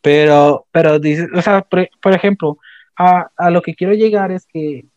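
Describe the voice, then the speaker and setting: A young man with a Mexican accent, casually retelling an anime plot in a slangy, animated way with many restarts. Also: high-pitched, a little slow, no echo. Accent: Mexican Spanish. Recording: dull, slightly lo-fi dry sound.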